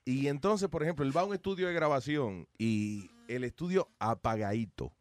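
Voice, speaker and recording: A man hosting a casual chat, animated and laughing, mixing in English phrases. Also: mid-range voice, moderate pace, no echo.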